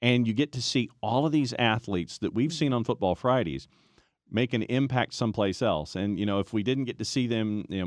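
A man co-hosting a casual high school football podcast, talking in a rambling way with restarts and fillers. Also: no echo, clean studio sound. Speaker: podcast co-host. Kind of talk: casual sports podcast chat.

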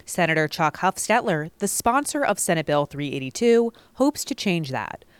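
An American woman reads a scripted radio news report. Her voice is smooth and crisp, pitched a little low. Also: big pitch swings, normal speed, dry recording.

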